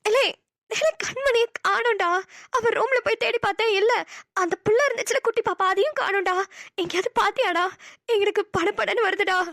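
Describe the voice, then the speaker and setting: A woman's voice: very high voice, brisk, a bit bright, no room sound, clean studio sound. A woman voicing an anxious, bossy elder sister in a cartoon, frantic and scolding. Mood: worried. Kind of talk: cartoon voice acting.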